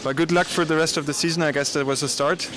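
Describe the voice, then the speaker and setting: Clear crowd noise fills the hall behind a male interviewer. He talks quickly in a slightly high voice, putting short, casual post-match questions to athletes. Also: fairly even intonation. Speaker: interviewer at a tournament. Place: indoor sports hall at a competition.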